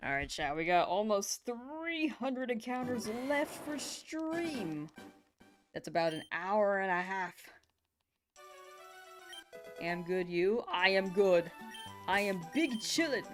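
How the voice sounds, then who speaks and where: A woman's voice: medium pitch, big pitch swings, slow pace, pauses often, faint music behind. A young woman streaming a game, chatting casually and giggling as she reads viewer messages. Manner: laid-back, giggly, chatting with viewers while hunting in a game. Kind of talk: casual live-stream chat.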